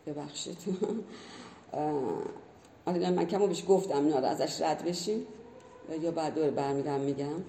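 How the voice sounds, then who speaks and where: Woman teacher explaining things earnestly, lots of examples, mellow voice, echoey room. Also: sits low, a little hiss or hum. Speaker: language teacher. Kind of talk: explanatory conversation. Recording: roomy echo.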